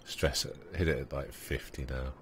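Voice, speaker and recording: A man's voice: rumbling low, steady tone, normal speed, fairly bright tone, slight background noise. A man giving casual let's play commentary, thinking aloud with many fillers and now and then talking to the little characters in his game. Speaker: gaming channel host.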